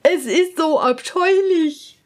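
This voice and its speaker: A prim young lady-in-waiting from a fairy tale, shrill and easily scandalised, as a woman reading aloud puts her on. She squeals high and loud, then stretches her words out slowly. It is a lively storybook voice. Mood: flustered. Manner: shocked and fussy.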